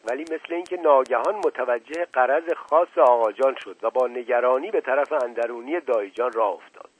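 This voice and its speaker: A man reading a novel aloud, narrating steadily as an audiobook reader. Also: medium pitch. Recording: husky voice over tinny phone-like band, dry.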